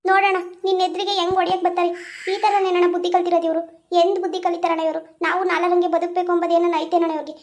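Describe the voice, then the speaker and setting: A fed-up young village wife, voiced by a woman for a cartoon. She pours out grievances in a very high, rapid voice, pleading and aggrieved. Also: little pitch movement. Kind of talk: animated village drama voice-over.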